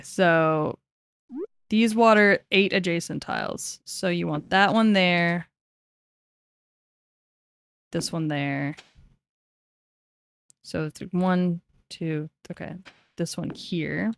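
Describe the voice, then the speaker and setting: A woman in her twenties, with a fairly low, creaky voice, takes her time on a casual game stream, leaving long pauses. She laughs easily, swears, and talks under her breath as she works things out.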